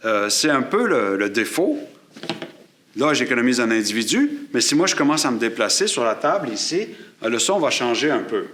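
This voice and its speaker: A man gives a hands-on lesson about microphones. He talks in a mid-pitched voice, from a studio table, picked up by a shotgun mic on a boom aimed at his chest. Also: big pitch swings, moderate pace, fairly bright tone. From Quebec. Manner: explanatory, demonstrating gear while talking. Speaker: photography and sound instructor. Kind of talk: classroom demonstration. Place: studio table set up for filming. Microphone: shotgun mic on a boom above, aimed at his chest.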